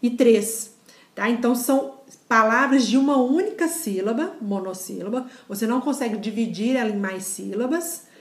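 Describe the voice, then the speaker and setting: A woman's voice: on the high side, moderate pace, echoey room. A woman teaching a grammar lesson in a casual style, explaining step by step and often checking with the class. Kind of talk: casual lecture.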